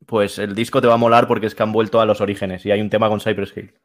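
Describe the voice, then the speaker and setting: A man's voice: lowish voice, flat delivery, quick pace. A man in casual chat who answers with short remarks of agreement.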